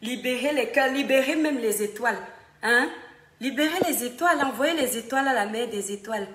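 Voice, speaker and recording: A woman's voice: on the high side, a little fast, fairly bright tone, a little hiss or hum. Lady chatting on a live stream, greets fans by name, hums bits of songs, echoey room. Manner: greets viewers by name, sings snatches. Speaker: livestream host. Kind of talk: casual live-stream chat. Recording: echoey room with music behind.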